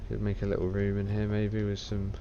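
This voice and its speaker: Male gamer, low voice, drowsy and slack, rambling casual commentary over noticeable background noise. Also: completely flat delivery, fairly quick, mellow, dull audio. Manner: sleepy, dopey, slack delivery. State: sleepy after work. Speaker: gaming video creator. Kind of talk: casual rambling gameplay commentary, thinking aloud. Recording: clearly noisy background.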